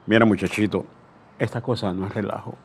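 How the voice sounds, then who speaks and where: A man's voice: fairly low pitch, steady tone, brisk, gravelly, slight background noise. An older man voicing a stern male radio chief who scolds a youngster in brusque, clipped lines. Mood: stern scolding.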